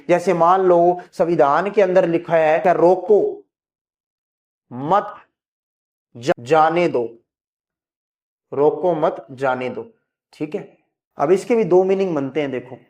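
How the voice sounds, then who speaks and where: A man's voice: on the high side, a little mellow. A man teaching a civics lesson, asking questions and answering them himself as students would, and often checking that the class has understood. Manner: asks and answers his own questions, quoting students as "sir". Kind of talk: exam-prep lesson.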